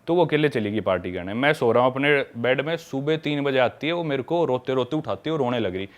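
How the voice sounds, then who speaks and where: A man on a podcast telling a travel story in a casual, lively way, slipping English words into his speech and acting out what people said. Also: medium pitch, brisk. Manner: animated storyteller who acts out quoted dialogue; mixes English words into Hindi.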